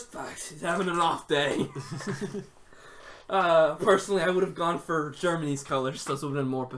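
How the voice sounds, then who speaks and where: A man's voice: fairly high pitch, a bit bright. Man, casual podcast chat, joking, hesitant fillers, faint hiss behind. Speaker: podcast co-host.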